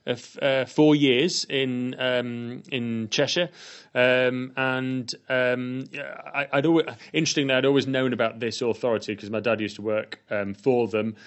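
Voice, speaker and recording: A man's voice: medium pitch, steady tone, normal speed, muffled recording. A man, a head teacher being interviewed, talking with many ums and restarts. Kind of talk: casual interview.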